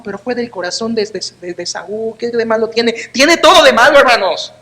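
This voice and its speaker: A pastor delivering a sermon in a church, a man whose voice sits notably high and sounds bright and sharp. He preaches with emphatic, sarcastic force and acts out the quoted lines, with a Mexican Spanish accent.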